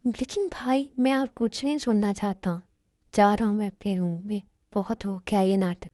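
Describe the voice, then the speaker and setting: A stern elder brother snaps out orders, curt and quick, in a mellow, somewhat high voice, as a woman narrator puts him on. The sound is close and dry, an amateur fan-dub story. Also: fairly even intonation, no echo, natural voice. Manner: curt and commanding.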